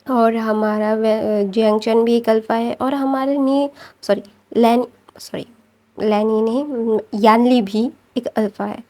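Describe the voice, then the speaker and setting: A woman's voice: on the high side, dark tone. A woman casually narrating a story, rambling with fillers and frequent self-corrections.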